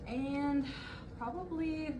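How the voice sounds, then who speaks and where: A woman's voice: sits high, extremely slow. A young woman from Canada hosting a casual group workshop, friendly and laughing often. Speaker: workshop host. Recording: echoey room, mic far off, dull sound, loud noise.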